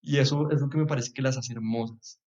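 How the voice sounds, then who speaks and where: A man's voice: mid-range voice, fairly even intonation, fairly quick. Thoughtful Bogotá man, slightly muffled sound. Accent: Bogotá Colombian Spanish. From Bogotá, Colombia. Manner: reflective, chuckles often, trails off with soft asides. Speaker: podcast guest. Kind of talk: casual chat.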